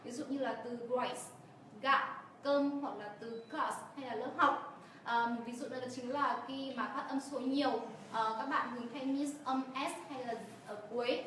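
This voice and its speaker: A woman with a high voice sums up pronunciation tips for learners the way a teacher would, with small fillers as she talks. She is heard from a distance in a very echoey room. Faint noise sits underneath. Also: fairly bright tone. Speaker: co-host. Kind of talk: recap explanation for learners.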